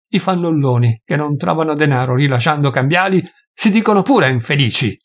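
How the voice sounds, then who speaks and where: A man voicing a furious, grieving male doctor who shouts and hammers out each word, with a husky voice. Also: on the high side. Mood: scornful.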